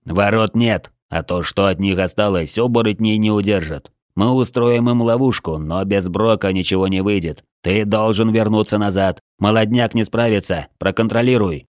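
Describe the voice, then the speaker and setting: A man's voice: fairly low pitch, moderate pace, hardly any pauses, dry recording, clean studio sound, natural voice. A man voicing a stern army commander who gives firm orders in an audiobook. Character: commanding male army leader, brisk and stern.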